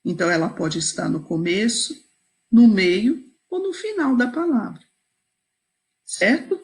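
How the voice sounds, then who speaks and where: A woman teacher talks students through a set of exercises in a video lesson, taking her time and pausing often to check they are following. Her pitch rises and falls a lot, and her voice has a slight gravelly edge. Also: animated. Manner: slow, patient, checks in with "ok?" and "certo?".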